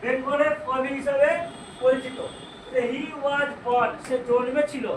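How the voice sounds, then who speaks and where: A man with a Bengali accent teaching an English grammar lesson. He asks the class questions, answers them himself, and reads English sentences out slowly. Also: very high-pitched, flat delivery. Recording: echoey room, far from mic, noisy.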